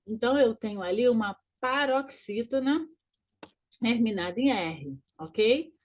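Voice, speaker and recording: A woman teaching grammar in a recorded lesson, walking through exam answers and slowly repeating key words. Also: on the high side, lively intonation. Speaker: Portuguese teacher.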